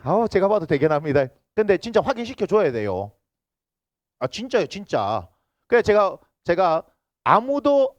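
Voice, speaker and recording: A man's voice: high-pitched, no echo. A man from Busan with a Gyeongsang accent, preaching a sermon as a pastor and teasing and bantering with his congregation. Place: church sanctuary. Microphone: handheld microphone.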